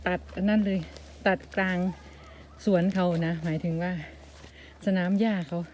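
A woman's voice: on the low side, fairly even intonation, moderate pace, darkish tone, a little hiss or hum. A woman with an Isan accent talking casually as she walks and films outdoors in the countryside, keeping up a friendly patter with her viewers. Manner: chatty, keeps addressing viewers as brothers and sisters. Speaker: vlogger. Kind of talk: casual walking vlog.

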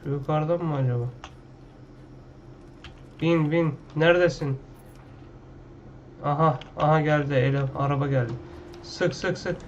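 A man's voice: on the high side, fairly even intonation, a little slow, long pauses, highs cut off, a little hiss or hum. A man playing a video game at his computer, talking loosely and with slang, half to himself, in casual gameplay commentary. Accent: Turkish. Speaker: gaming YouTuber.

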